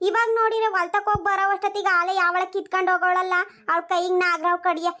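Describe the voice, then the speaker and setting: Cartoon old village granny, voiced by a performer, nagging, squeaky high voice. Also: little pitch movement, racing, pushed and bright. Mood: scolding. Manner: scolding, grumbling to herself. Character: nagging old village grandmother, scolding and suspicious. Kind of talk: cartoon voice acting.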